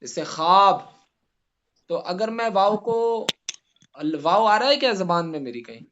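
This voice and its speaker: A male grammar teacher giving a classroom lesson, spelling out letters slowly and putting questions to his students. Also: high voice, expressive, highs cut off, a little hiss or hum.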